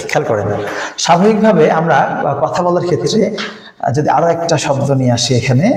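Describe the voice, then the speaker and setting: A man's voice: fairly high pitch, a little mellow, roomy sound, rough recording. A man from Bangladesh, teaching an online exam-prep class step by step and answering his own questions.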